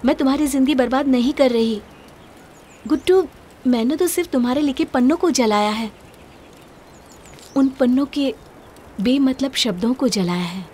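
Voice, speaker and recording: A high-voiced young woman, coaxing and apologetic, with a giggly, pleading way of talking, as an actress dubs her. Faint outdoor ambience sits behind her voice. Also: normal speed, pauses often, a little mellow, a little hiss or hum, lightly acted. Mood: earnest. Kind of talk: Hindi film dub.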